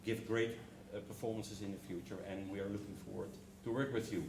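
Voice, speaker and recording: With a fairly low, gravelly voice and fairly even intonation, this man talks a little fast amid background noise. He's a broadcasting executive giving a formal English welcome at a contract signing ceremony, hesitating with many fillers, and the hall sounds roomy and distant.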